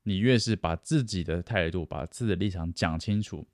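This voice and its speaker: A man's voice: deep voice, moderate pace, no echo, clean studio sound. A man giving casual advice, chatty, acting out boastful people and laughing at himself. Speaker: self-help speaker.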